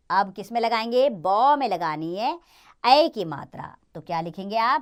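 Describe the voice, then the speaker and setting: Slow, lively-voiced woman teaching children. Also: mid-range voice. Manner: slow, clearly enunciated, addressing children. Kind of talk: children's lesson narration.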